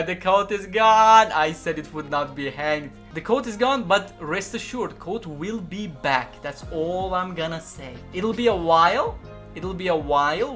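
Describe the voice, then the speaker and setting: Young guy with a high voice rambling on stream, swears a lot, faint music behind. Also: a bit bright. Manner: rambling, profane, repeats himself. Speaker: VTuber streamer. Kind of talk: casual stream chat.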